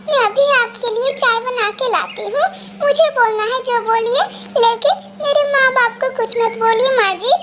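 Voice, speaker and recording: A woman's voice: very high-pitched, voice pushed up. A woman voicing a meek young female crow daughter-in-law in a cartoon, pleading and tearful. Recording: steady background noise.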